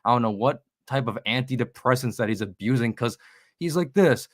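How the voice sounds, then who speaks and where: A man's voice: mid-range voice, steady tone, fairly quick, fairly bright tone, no room sound, studio quality. A man in casual podcast talk, rambling and swearing, often restarting his sentences. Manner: rambling, profane, with many restarts. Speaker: guest streamer.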